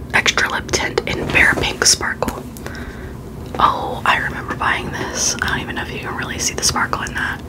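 Casting: woman for whispered ASMR vlog, soft and fully breath-voiced, informal, opinionated chat. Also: poor audio. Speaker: beauty vlogger.

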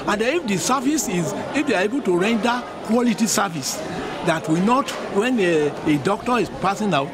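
An older man in his sixties, an educationist giving his views in an outdoor street interview, speaking earnestly with frequent restarts and repeated phrases. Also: sits high. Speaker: educationist interviewed in a vox pop. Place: outdoors by a school building. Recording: crowd noise loud behind. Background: loud crowd chatter.

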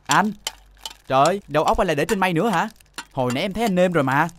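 A man's voice: sits high, lively intonation, rapid-fire, a bit bright, slight background noise. An actor playing a young restaurant worker who fusses at his boss. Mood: nagging. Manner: fussy, nagging.

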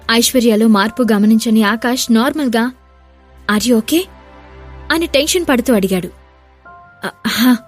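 A woman with a Telugu accent narrating an audio drama, reading every part herself and raising her voice for shouted lines. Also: a little high.

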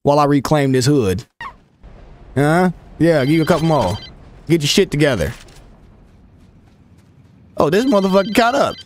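A young man swearing, trash-talking and shouting at characters while commentating his gameplay. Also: on the high side, sing-song, moderate pace, long pauses, a little hiss or hum. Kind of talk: profane running commentary over gameplay.

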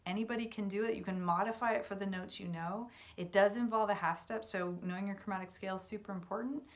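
A woman in her thirties speaks at a medium pitch as a music teacher. She explains a practice exercise step by step in a casual, encouraging way. She is indoors at home, talking to a camera a short distance away. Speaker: horn teacher. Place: medium-sized living room at home, indoors. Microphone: camera or laptop mic about a metre away.

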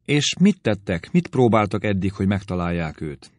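A male audiobook reader voicing a reserved gentleman who speaks earnestly and with concern. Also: fairly low pitch, sing-song, no echo, studio quality. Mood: shocked.

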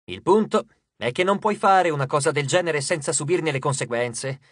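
Triptolemo-type: man doing a haughty, breezy male god, scornful lecturer, slightly high, dry studio read. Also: expressive, moderate pace, dry recording. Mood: lecturing. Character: haughty petulant male god, dismissive and capricious. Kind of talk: audiobook character reading.

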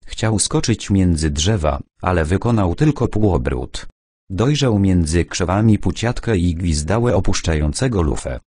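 A man reading a war novel aloud as an audiobook narrator, with dramatic, expressive delivery. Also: low-pitched, normal speed, no echo, clean studio sound.

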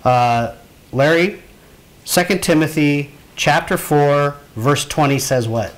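Man teaching a relaxed Bible class. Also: fairly high pitch, takes it slowly. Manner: conversational, asks the class questions. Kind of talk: informal Bible lesson to a class.

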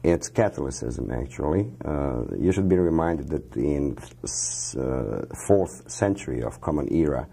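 Speaking with a Croatian accent, a man in his fifties fields questions as a guest in a television studio interview. He has a rumbling low, warm and husky voice with vocal fry and lively intonation, and he talks in a measured, halting way marked by many pauses and fillers.

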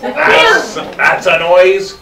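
A man's voice: high voice, wildly swooping pitch, drawn-out words, exaggerated voice. A man voicing a sly, gleeful, grumpy storybook thief in a theatrical, gloating manner. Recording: roomy classroom, distant mic, noise.

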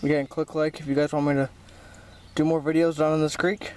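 A man with a slightly high voice talks off the cuff as host of an outdoor wildlife vlog. He is informal and exclamatory, swearing freely and addressing his viewers. The handheld camera picks up faint outdoor noise around him. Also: flat delivery, a little fast, a little mellow. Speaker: host of amateur snake-catching vlog. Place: outdoors by a creek in weedy woods. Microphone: handheld camera held by the speaker.

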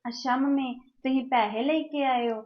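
Girl playing a scared young wife, soft pleading, highish voice, tinny phone-ish sound. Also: fairly even intonation, moderate pace, close to an everyday voice. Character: timid young married daughter, anxious and pleading. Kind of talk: amateur family drama acting.

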